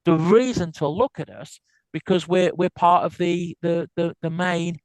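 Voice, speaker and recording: A man with a South African accent, born in South Africa, giving an upbeat business talk and answering questions quickly, with frequent restarts. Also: a little high, fairly even intonation, a little mellow, clean tone, no echo, poor audio. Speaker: guest speaker. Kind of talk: business lecture and Q&A.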